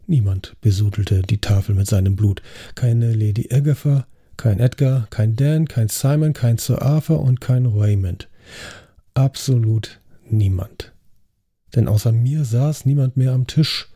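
A man narrating a story in the first person with an expressive, scripted delivery. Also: medium pitch, unhurried, husky. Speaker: audiobook narrator.

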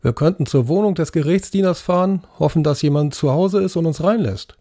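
A man voicing an eager police detective in an audiobook, making a quick suggestion. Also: a little high, mellow, no room sound, studio quality, voice pushed up.

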